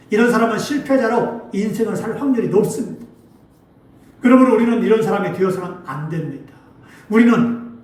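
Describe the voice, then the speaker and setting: A man's voice: high voice, far from the mic. Emphatic male pastor in an echoey hall. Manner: emphatic, questioning the congregation. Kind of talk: sermon. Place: church sanctuary.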